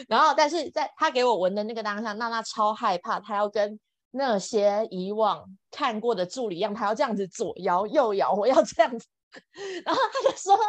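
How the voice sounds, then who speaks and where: Female podcast guest, expressive storyteller with excited high bursts, dry close sound. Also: no room sound. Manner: expressive, exclamatory, laughs often, jumps between high excited bursts and soft asides. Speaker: podcast guest, event planner. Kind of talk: animated personal storytelling.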